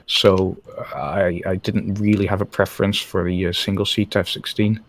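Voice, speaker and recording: A former Apache helicopter pilot from the Netherlands talks frankly as a guest in a live-stream interview, often restarting his sentences hesitantly. His voice is low-pitched, with a level tone and a moderate pace.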